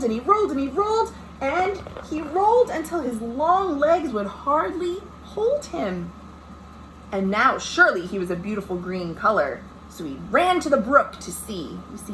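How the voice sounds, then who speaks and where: A children's librarian hosting storytime reads a picture book aloud to young listeners with dramatic emphasis. Her voice is high-pitched and fairly bright, captured in a noisy amateur recording made indoors at home.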